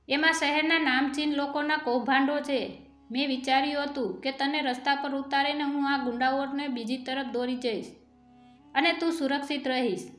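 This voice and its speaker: Brave young husband, earnest, storybook hero, read by a woman, bright high voice, roomy echo. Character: brave young husband, resolute, later wounded. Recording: echoey room with faint music.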